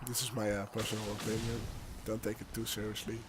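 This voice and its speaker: A young Dutch gaming YouTuber speaks English as a second language with a Dutch accent, in a lowish voice, completely flat and fast. His commentary over his gameplay footage rambles and hesitates with many restarts, while game gunfire and noise sound behind him.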